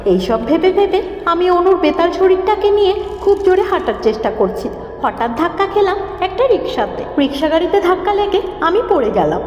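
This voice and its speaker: A cartoon schoolgirl, timid and scared, dramatically recounts her ghost story, voiced by a woman whose pitch is extremely high and whose delivery is brisk, lively and a little mellow. Her mood is dramatic and anxious throughout the horror tale. The sound is echoey and muffled lo-fi, with long reverb and background music.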